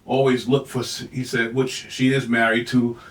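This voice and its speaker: A man's voice: mid-range voice, little pitch movement, moderate pace, slight background noise. Older man telling stories in an echoey room. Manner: reflective storytelling with many "you know"s. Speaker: podcast co-host. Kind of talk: casual chat. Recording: echoey room, mic at a distance.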